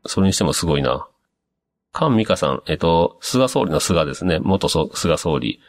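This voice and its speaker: A man hosting a casual talk show, reading listener messages aloud and musing on them in a relaxed, chatty way with plenty of fillers. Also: low voice, moderate pace. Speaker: podcast host.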